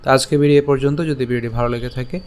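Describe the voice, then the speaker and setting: Male scripture teacher, mid-range voice, measured step-by-step lesson delivery with slowly chanted verses. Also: mid-range voice, flat delivery, a little mellow, clean tone. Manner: slow, deliberate step-by-step explanation, recites verses in a slow chant. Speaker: religious teacher.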